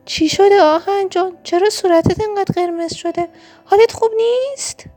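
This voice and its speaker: A woman voicing a friendly, curious little oxygen character in a storybook, in a high, excited and anxious manner. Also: soft background music, natural voice. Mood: worried. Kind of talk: storybook reading.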